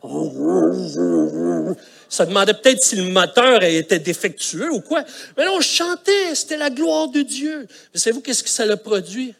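A middle-aged man with a Quebec French accent, preaching a sermon as a colloquial, animated story with vocal sound effects. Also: high-pitched, a little slow, vocal fry, slightly rough. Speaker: pastor.

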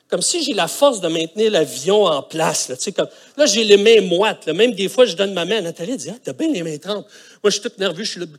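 A middle-aged man with a Quebec French accent preaches through a story. His voice sits high and swings widely. He talks colloquially and adds vocal sound effects. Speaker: pastor. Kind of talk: storytelling sermon.

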